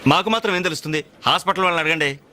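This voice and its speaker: An actor playing a blunt, scolding young friend in a comic film scene. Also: male voice, a little high, rapid-fire, bright, forceful tone, slight background noise.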